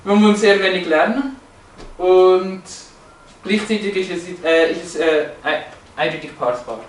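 A man's voice: sits high, measured pace, a little hiss or hum. A man explaining language features from slides, hesitant, with many fillers and restarts. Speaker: presenter. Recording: roomy, echoey, from a distance.

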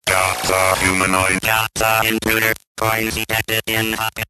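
Stern security robot, a man voicing it, very deep, flat monotone, crunchy digitized arcade speech under loud noise. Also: a little slow. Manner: barking commands in clipped phrases. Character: stern male security robot guarding a maze. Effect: crunchy early digitized speech. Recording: noisy digitized arcade game sound.

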